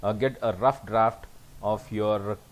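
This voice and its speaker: A man's voice: fairly low pitch, steady tone, takes it slowly, rough recording. A man giving a recorded lecture over slides, often saying "okay" between points.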